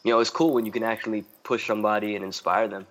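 A man's voice: fairly low pitch, fairly even intonation, racing, a bit bright. A man chatting casually as a guest artist, rambling, filling his talk with "like" and restarts and swearing freely. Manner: rambling, heavy use of "like" and restarts. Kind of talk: casual podcast chat.

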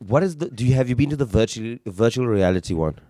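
A man's voice: medium pitch, lively intonation, quick pace, dark tone, dry recording, clean studio sound. A man hosting a casual podcast chat, firing off eager questions and swearing a lot. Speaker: podcast host.

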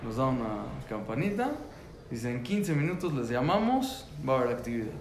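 A man's voice: mid-range voice, very animated, moderate pace, echoey room, noisy background. A man telling a personal story about his son, earnest and full of repeated words and restarts.

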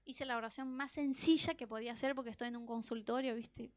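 A woman's voice: fairly high pitch, fast talker. A woman preaching an earnest testimony sermon to her congregation. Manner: earnest, building to excited storytelling.

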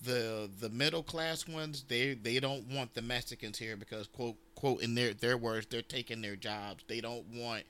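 Blunt man with a bright voice. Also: mid-range voice, steady tone, normal speed, hardly any pauses, clean tone. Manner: blunt, emphatic, repeats words when he starts a sentence. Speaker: podcast co-host. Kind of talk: casual political chat.

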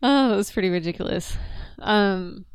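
A young woman with a very clear, clean voice chats her way through a film recap, reading plot summary aloud and breaking into giggles. The sound is dry and close, with no room echo. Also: medium pitch, normal speed. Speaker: podcast co-host. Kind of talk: casual chat, recapping a film.

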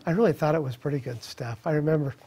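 A middle-aged man telling a personal testimony in an earnest, reflective way, with halting restarts. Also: a little high, mellow, husky. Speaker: speaker sharing a personal testimony. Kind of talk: personal storytelling.

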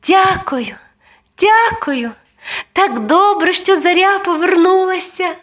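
A woman's voice: slow pace, heavily acted. A woman voicing a sweet, eager little girl angel in a children's storybook. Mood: grateful. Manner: high, eager and bright.

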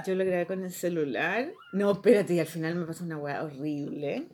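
A young woman with a Chilean accent, hosting a podcast and telling an animated story full of voices and laughter. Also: fairly low pitch, a little fast, slight background noise. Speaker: podcast host. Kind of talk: casual chat.

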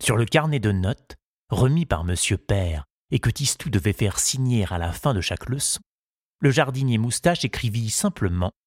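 A man narrating a children's audiobook in a slow, gentle storytelling manner. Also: on the low side, lively intonation, dry recording, studio quality.

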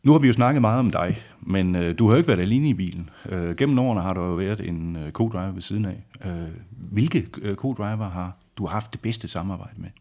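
A man's voice: deep voice, few pauses, dark tone. A man hosting a podcast, putting questions to his guest in an inquisitive, prompting way. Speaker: podcast host. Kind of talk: interview questions.

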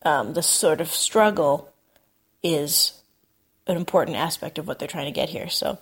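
A woman's voice: deep voice, animated, normal speed, slightly rough. A woman teaching songwriting, working through lyrics aloud in a hesitant, self-correcting way.

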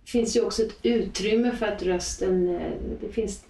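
A woman's voice: medium pitch, steady tone, warm tone. Reflective woman singer, roomy distant sound. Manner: reflective, halting with many restarts. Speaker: guest singer. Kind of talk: casual interview chat. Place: small cabin.

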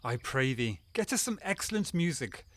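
A man's voice: mid-range voice, very animated, normal speed, a bit bright, dry recording. An actor playing a genial prince who teases his singer and plots with his friends in courtly speech. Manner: courtly, playful, teasing. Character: genial, commanding male prince. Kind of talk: stage play performance.

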